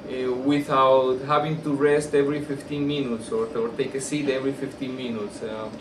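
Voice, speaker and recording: Speaking with a Colombian Spanish accent, a male orthopedic surgeon gives unscripted interview answers at a moderate pace and with flat delivery. His pitch is average and he halts and repeats himself. He sounds distant from the microphone in a large room, with air-conditioning humming behind.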